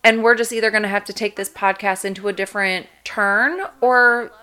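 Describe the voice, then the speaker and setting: A woman in her thirties co-hosts a casual podcast with a bright, forward tone. She is chatty, swears freely and laughs easily. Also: medium pitch, fairly even intonation, a little fast. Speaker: podcast co-host.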